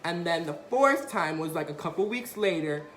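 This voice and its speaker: A man's voice: fairly high pitch, moderate pace, roomy sound, slight background noise. A young man vlogger telling a story casually, acting out the quotes with energy. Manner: animated, acts out quotes.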